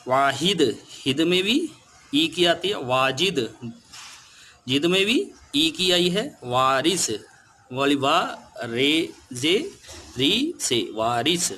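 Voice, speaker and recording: Slow, bright-voiced male teacher. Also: fairly high pitch, animated, a little hiss or hum. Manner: patient, spells words out letter by letter. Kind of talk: spelling lesson for children.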